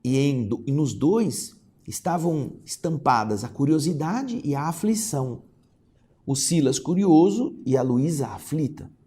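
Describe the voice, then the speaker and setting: High-voiced man reading aloud expressively. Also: unhurried. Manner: expressive reading with casual asides. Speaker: reader and commentator. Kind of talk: book reading with commentary.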